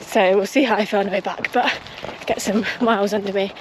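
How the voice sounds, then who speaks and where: A woman's voice: mid-range voice, steady tone, fairly quick. A British woman chatting casually to her vlog while out jogging on outdoor trails. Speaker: running vlogger. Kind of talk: casual vlog chat to camera. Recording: noisy outdoor ambience.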